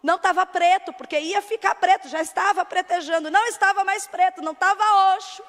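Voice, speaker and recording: High-voiced Brazilian woman preaching in a reverberant hall. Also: fairly quick. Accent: Brazilian Portuguese. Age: adult with a teenage son. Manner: storytelling, acts out dialogue, builds to fervent shouting. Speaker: missionary preacher. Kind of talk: Pentecostal sermon with testimony. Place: large church hall. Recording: long hall reverb from the church.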